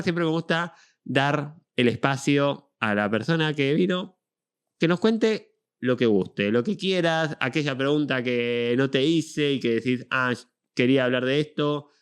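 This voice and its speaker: A man's voice: fairly high pitch, clear, resonant tone. A man hosting an interview podcast, speaking in an inviting way straight to his guest. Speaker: podcast host. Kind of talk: casual interview talk.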